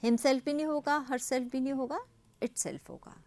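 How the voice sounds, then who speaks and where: A woman teacher explaining grammar in a recorded lesson, reading example sentences slowly and asking and answering her own questions. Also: sits high, steady tone, darkish tone. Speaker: English teacher.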